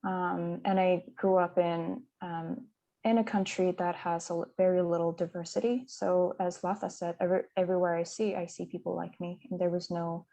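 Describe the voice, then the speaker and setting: Speaking on a conference panel, a Mongolian woman reflects on personal matters in a hesitant way, restarting often and using plenty of fillers. Her warm, lowish voice has a flat delivery at a normal speed.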